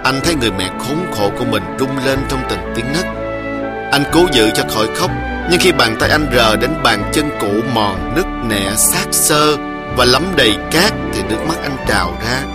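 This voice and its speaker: A man reading a story aloud in a slow, deliberate, emotive way. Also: mid-range voice, expressive, loud music behind the voice. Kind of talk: scripted story narration.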